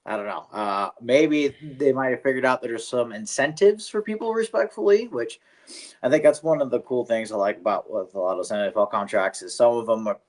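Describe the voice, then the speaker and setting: A man's voice: medium pitch, a little fast. A man co-hosting a casual livestream chat, laid-back and swearing freely as he rambles. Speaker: podcast co-host.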